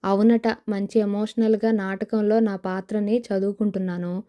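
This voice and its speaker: A woman's voice: medium pitch, little pitch movement, moderate pace, highs cut off, lightly acted. A woman voicing a wistful young village woman who dreams of film stardom, in an audio novel. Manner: wistful, sighing.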